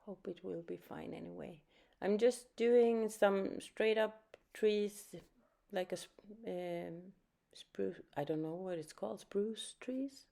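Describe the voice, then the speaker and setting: A Swedish art teacher from Sweden speaks English with a Swedish accent while giving an unscripted watercolor lesson. Her medium-pitched, creaky voice moves slowly, and she is soft-spoken, thinking aloud with fillers as she works.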